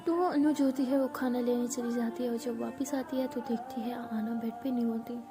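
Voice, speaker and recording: A woman's voice: a little high, fairly even intonation, moderate pace. A woman narrating a love story in a chatty, informal storytelling voice. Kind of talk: casual spoken storytelling. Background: background music.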